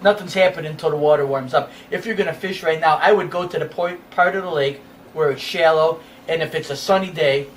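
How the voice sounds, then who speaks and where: A man co-hosts a fishing show and talks casually. He hands out plain advice and drops dry jokes along the way. His voice sits high, and it is heard from a distance over light noise. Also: a little fast. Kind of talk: casual chat. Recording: picked up from a distance, faint background noise.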